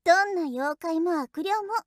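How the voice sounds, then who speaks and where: A woman's voice: very high voice, normal speed, no room sound, clean studio sound. Woman voicing a teasing young shrine maiden. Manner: polite, sing-song teasing. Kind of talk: audio role-play drama.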